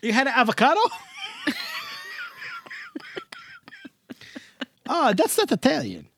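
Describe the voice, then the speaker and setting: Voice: medium pitch, very animated, fairly quick, a little hiss or hum, lightly acted. A radio co-host voicing a jovial, pushy older Italian-American man who stuffs "a" before every noun and mangles Italian food names. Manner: exaggerated sing-song swoops. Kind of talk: comedic bit in a radio show.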